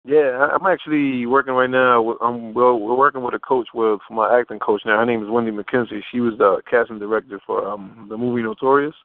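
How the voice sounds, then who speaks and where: This fashion model, interviewed by phone, has a mid-range voice with a steady tone and talks fairly fast with few pauses. His speech is informal, full of slang and self-corrections, and the dry recording comes through a muffled, narrow line.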